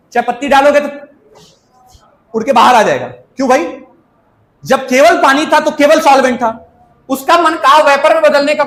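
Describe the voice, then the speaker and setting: High-voiced playful chemistry teacher. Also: male voice, a bit bright, echoey room. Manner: chatty, asks students questions, playful. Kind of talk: lively classroom lecture with everyday examples.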